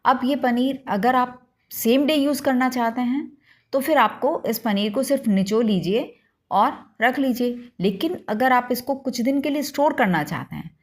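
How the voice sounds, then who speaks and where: A woman's voice: on the high side, moderate pace. A woman hosting a home cooking demonstration, explaining each step to viewers in a homely, instructive way. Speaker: cooking channel host.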